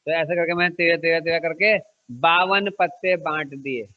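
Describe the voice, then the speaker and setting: A man's voice: on the high side, fairly even intonation, moderate pace, muffled recording. A man teaching a math lesson to children, asking them questions and answering them himself, joking now and then and repeating key numbers. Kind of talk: classroom-style math lesson.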